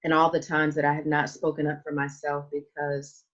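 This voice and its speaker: A woman hosting a group discussion on a video call, talking warmly and earnestly with hesitant restarts. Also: low-pitched, monotone, moderate pace. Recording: muffled video-call audio.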